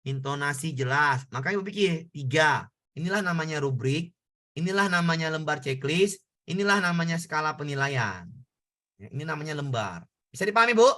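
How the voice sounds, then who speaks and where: A man's voice: fairly high pitch, lively intonation, brisk, bright, forceful tone. A man tutoring students in an online exam-prep lesson, repeating points and checking whether they understand. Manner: repetitive, coaxing questions to students.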